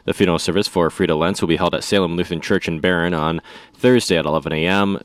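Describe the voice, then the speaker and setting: Male announcer, very low pitch, solemn measured obituary delivery, scripted read, dry studio-like sound. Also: no echo. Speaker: radio announcer.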